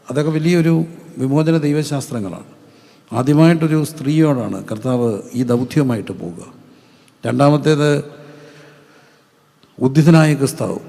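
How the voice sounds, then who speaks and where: A male pastor preaching a sermon, asking rhetorical questions and answering each one himself in a lower, quieter voice. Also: gravelly, long reverb tail.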